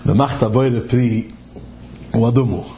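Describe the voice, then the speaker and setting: Animated male storyteller, muffled recording. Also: mid-range voice, measured pace, a little hiss or hum. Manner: lively, acts out quoted voices.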